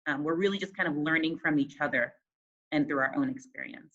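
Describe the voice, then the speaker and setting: A woman's voice: low voice, a little fast, a bit bright. A woman facilitating a discussion on a video call, encouraging and full of hedges. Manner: encouraging, hedging with fillers. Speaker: session facilitator. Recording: slightly dull video-call audio.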